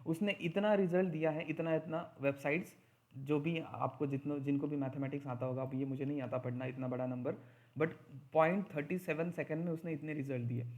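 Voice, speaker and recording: A man's voice: a little high, steady tone, a little mellow. Teacher-like man, Hindi. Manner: mixes English into Hindi, slows right down on key points. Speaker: English teacher. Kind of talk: online grammar lesson.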